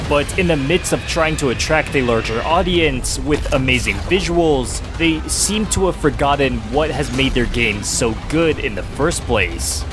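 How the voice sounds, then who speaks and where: A man's voice: mid-range voice, a bit bright. A young man giving a casual scripted game review in a wry, slangy, joking way. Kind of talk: scripted video essay narration, casual. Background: background music.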